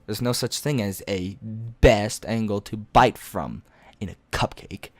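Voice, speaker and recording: A woman's voice: very deep voice, unhurried, darkish tone, no echo. A woman streamer reading a visual novel aloud and making wry, stammering asides.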